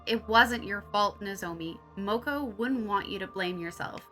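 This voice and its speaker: An earnest, caring teenage boy, the hero of a visual novel, read by a woman. The voice is bright and forward, with faint game music underneath. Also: mid-range voice, moderate pace, natural voice. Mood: consoling. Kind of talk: reading visual novel dialogue aloud.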